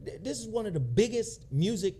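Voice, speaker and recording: Lively guy in his 40s, kinda high voice, swearing and doing everybody's voices as he tells it. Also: a little fast, husky. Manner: animated, profane, acts out quoted voices. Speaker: podcast host. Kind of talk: casual storytelling chat.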